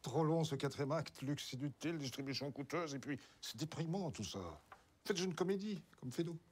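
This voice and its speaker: An actor playing a brisk, imperious middle-aged stage actor in a period film, with hammy, theatrical declamation. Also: male voice, on the high side, husky. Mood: dismissive, declaiming.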